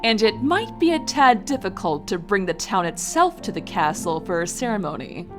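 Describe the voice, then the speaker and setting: A serene, benevolent pony princess voiced by a woman in a fan audio drama. She speaks in gracious, formal phrases with a lively, sweeping intonation. Loud music plays behind her. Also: medium pitch, normal speed, lightly acted. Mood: warm, gracious. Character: regal, serene, wise pony princess ruler, benevolent mentor.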